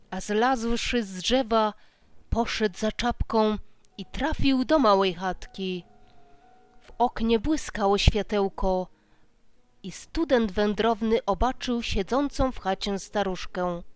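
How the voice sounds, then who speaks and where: A woman reading a folk tale as an audiobook in slow, even storytelling. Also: on the high side, clean tone, no echo. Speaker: audiobook reader. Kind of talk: scripted storybook narration.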